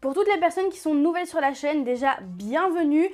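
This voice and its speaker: A woman's voice: sits high, lively intonation, a little fast, a little mellow, soft background music. A woman hosting a sewing channel, talking casually to camera in a chatty, rambling way with many fillers and self-corrections. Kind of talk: casual vlog talk to camera.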